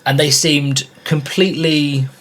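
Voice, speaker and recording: A man's voice: fairly high pitch, level tone, unhurried, a bit bright. A man from the UK co-hosting a casual reaction video, thoughtful and wry, often hedging his opinions. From United Kingdom. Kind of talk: casual chat.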